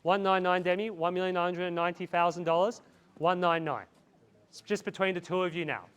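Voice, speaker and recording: A man's voice: high-pitched, steady tone, fairly quick, fairly bright tone, smooth. A man calling a live property auction outdoors, repeating bid figures in a chant and urging buyers on. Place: outdoors in a residential street.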